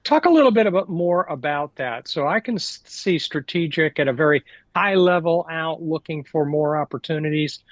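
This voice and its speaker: A male podcast host with a notably high voice, recorded dry and close. He introduces his guest and asks questions in a friendly, encouraging manner. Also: expressive, normal speed, dry recording, lo-fi sound. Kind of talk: podcast interview hosting.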